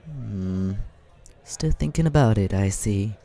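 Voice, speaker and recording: Man playing Scaramouche, a deep, creaky, suave vampire. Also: animated. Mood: curious, courteous. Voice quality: low, creaky, soft. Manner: unhurried, smooth-mannered, teasing. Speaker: ASMR roleplay performer. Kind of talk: soft ASMR roleplay, addressing the listener.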